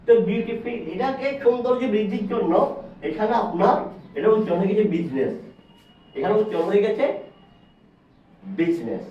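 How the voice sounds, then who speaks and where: A man teaches a whiteboard lesson, his voice high and set back from the mic. He says words again and again and puts questions to the class. The sound is echoey and dull. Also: lively intonation, recorded from a distance, a little hiss or hum. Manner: repeats words slowly, asks the class questions. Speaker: English teacher.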